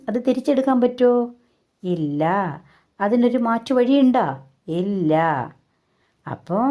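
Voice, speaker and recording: A woman, calmly recounting a family story in a reflective way. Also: a little high. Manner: calm, reflective narrating.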